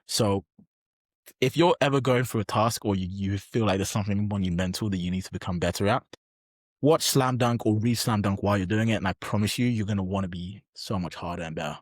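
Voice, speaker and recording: A man's voice: fairly low pitch, a little fast, no echo, studio quality. A young adult man chatting as a podcast guest, enthusiastic and emphatic, with frequent restarts. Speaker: podcast guest, pro bodybuilder. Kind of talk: casual podcast chat.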